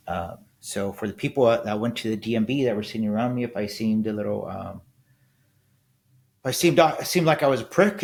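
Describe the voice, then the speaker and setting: A veteran in his fifties talks on his casual solo podcast, blunt and rambling, often restarting and finishing points with "right?". His voice is fairly low in pitch, with vocal fry.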